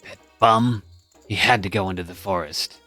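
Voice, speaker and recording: Male performer as old crone, video game dialogue, deep pitch, blunt, demanding. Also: moderate pace, bright, forceful tone, soft background music. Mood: scornful. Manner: blunt, commanding. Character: gruff old potion-shop crone, demanding and scornful. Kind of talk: amateur video game character voice-over.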